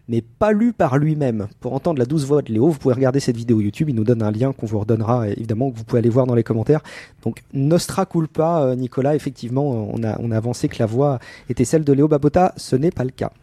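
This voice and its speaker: Mellow, hesitant male podcast host. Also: mid-range voice, fast talker, breathy edge, no echo. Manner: hesitant, many fillers, apologetic. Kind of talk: casual chat.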